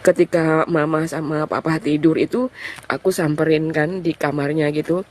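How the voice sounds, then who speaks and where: A young woman telling her conversion testimony in an interview, talking in a loose, halting way full of fillers. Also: low voice, steady tone, darkish tone. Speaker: guest sharing a conversion testimony.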